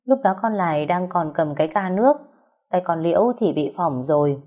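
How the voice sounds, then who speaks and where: A woman with a Southern Vietnamese accent voicing a shrewd middle-aged second wife who speaks in a measured, reasoning way. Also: fairly low pitch, expressive. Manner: measured, reasoning, a little sharp.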